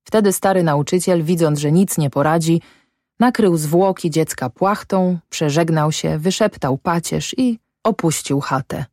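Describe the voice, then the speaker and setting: A woman narrating a story in a steady, measured reading. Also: deep voice, no echo, studio quality. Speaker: audiobook reader. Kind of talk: scripted narration.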